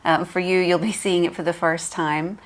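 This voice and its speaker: Lower-pitched woman explaining steadily. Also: moderate pace. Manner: steady, explanatory, with frequent ums. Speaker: podcast co-host, professional piercer. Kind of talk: casual chat.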